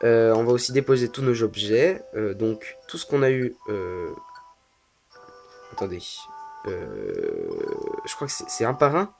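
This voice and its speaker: A man's voice: on the low side, big pitch swings, measured pace, vocal fry, darkish tone, faint music behind. A young man commenting casually on a game he is playing, chatty and joking, often restarting his sentences. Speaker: let's play host.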